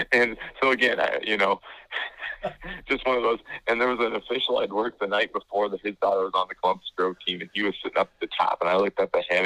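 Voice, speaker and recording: A man's voice: sits low, bright, forceful tone, no room sound, rough recording. A man who works as a basketball referee, casually telling funny stories from games and chuckling at his own mix-ups. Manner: chuckles through self-mocking stories.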